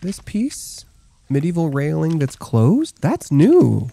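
A man's voice: a little high, huge pitch swings, slow, gravelly, warm tone. A young man hosting a casual gameplay stream, chatting and thinking aloud as he builds and laughing often. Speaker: gaming channel host. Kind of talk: casual multiplayer gameplay chat.

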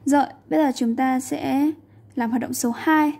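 A woman's voice: high voice, fairly even intonation, moderate pace, creaky, a little mellow. A woman English teacher patiently explaining a textbook lesson, repeating and translating each sentence.

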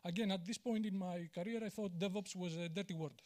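A Greek conference speaker on a big auditorium stage talks into a handheld mic in a high, darkish voice at a fairly quick pace. He is candid and self-deprecating, often stopping on "uh" and restarting sentences.

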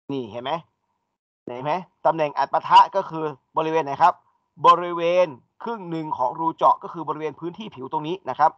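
This is a man with a slightly high voice, lecturing an engineering class. He explains things one step at a time and asks his students questions, and the dry recording has a dull quality.

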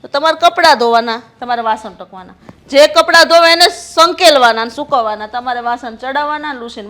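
An actress playing a mother-in-law who scolds and tries to calm her two quarrelling daughters-in-law. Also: sits high. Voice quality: scolding, exasperated. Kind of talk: village family drama acting.

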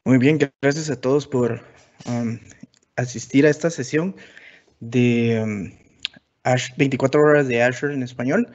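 A man from Guatemala with a Guatemalan Spanish accent, giving a relaxed technical webinar presentation full of fillers and restarts. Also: medium pitch, measured pace, pauses often, lo-fi sound. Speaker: conference speaker.

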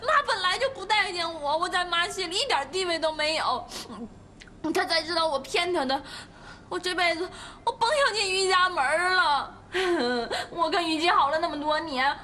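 A woman's voice: very high-pitched, normal speed, bright, forceful tone, a little hiss or hum. An actress playing a distraught young woman who cries and stammers as she pleads. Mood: tearful. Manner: sobbing, stammering pleas. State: crying. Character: distraught young woman Caomei, tearful and clingy. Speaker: young woman claiming pregnancy.

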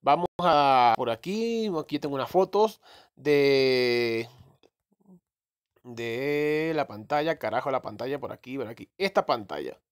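With a smooth, medium-pitched voice, lively intonation and an unhurried pace, a man who makes crypto gaming videos walks through a game on his phone's screen recording, casually rambling, self-correcting and swearing mildly.

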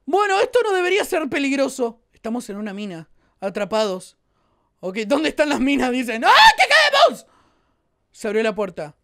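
This gaming YouTuber is a woman whose Rioplatense Spanish accent colors her fairly high, fairly quick delivery. Her let's play commentary is excitable, full of exclamations and jokes aimed at the audience.

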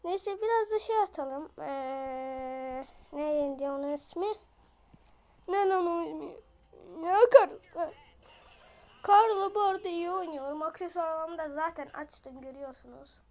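A woman with a voice off from illness, giving excitable live gameplay commentary, chatting in slang and yelling at opponents. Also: high voice, a little slow. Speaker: gaming video creator.

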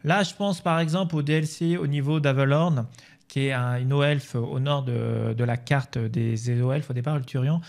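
A man's voice: medium pitch, steady tone, normal speed, vocal fry, a little mellow. A man hosting a gaming video, talking casually over a game map with many fillers and restarts. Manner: chatty, many fillers and restarts, shifting pace.

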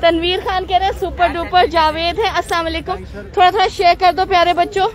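Greeting viewers and haggling live from an open-air market, the Pakistani host stays chatty and playful, switching into English now and then, her voice slightly muffled by a mask. She speaks a little fast at an extremely high pitch with fairly even intonation. Her handheld phone captures the bustling crowd behind.

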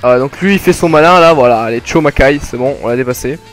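A young man casually commenting his kart race, joking and rambling with sudden excited outbursts. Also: medium pitch, fast, soft background music. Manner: jokey, rambling, self-mocking, bursts of excited yelling. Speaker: gaming commentator. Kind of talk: casual let's play commentary.

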